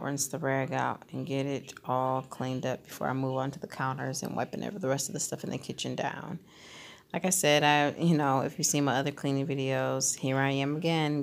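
A woman vlogger giving a chatty, relaxed voice-over about her home cleaning routine. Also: extremely low pitch. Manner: chatty and relaxed, with fillers like "um" and "kinda". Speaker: lifestyle vlogger. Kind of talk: casual voice-over narration. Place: home recording, voice-over not recorded in the pictured kitchen.

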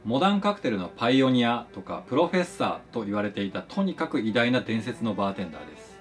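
A man, a flair bartender, giving a polite, scripted explanation of his craft. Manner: polite, explanatory, lively pitch swings. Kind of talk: scripted educational narration.

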